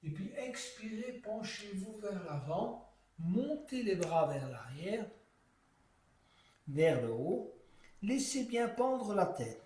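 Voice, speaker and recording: Man, yoga teacher, high voice, slow, calm breathing cues, echoey room, far from the mic. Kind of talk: guided yoga class instruction.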